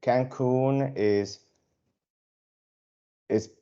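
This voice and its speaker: A man from the Dominican Republic giving an airline sales webinar over a video call, halting and full of fillers and restarts. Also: medium pitch, fairly even intonation, dark tone, clear, resonant tone, dull audio. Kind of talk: webinar presentation.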